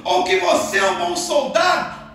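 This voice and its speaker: Man, fervent sermon, very high bright voice, echoey church hall from far off, soft music behind. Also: big pitch swings, normal speed. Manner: fervent preaching, often shouting. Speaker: preacher. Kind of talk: evangelical sermon.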